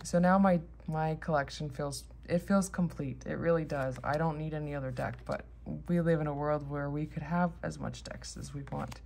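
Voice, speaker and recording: A woman's voice: low-pitched, normal speed, creaky, few pauses, darkish tone, a little hiss or hum. A woman chatting casually about her collection in a sleepy, rambling way, letting her thoughts trail off. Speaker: host of a tarot deck haul vlog.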